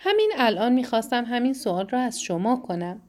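A woman reading the lines of a blunt, self-assured woman traveler, calm and matter-of-fact. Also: fairly high pitch. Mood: firm.

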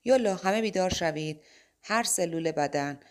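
A woman's voice: fairly low pitch, gravelly, a little mellow. A woman voicing an anxious young man, a reluctant warrior of light, in an audiobook, with an urgent, raised, pleading delivery. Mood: rousing. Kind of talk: audiobook character voice.

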